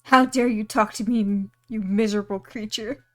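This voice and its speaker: A woman reading a storybook aloud and voicing a huge, bullying male giant, loud and scornful. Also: medium pitch, steady tone, moderate pace, close to an everyday voice.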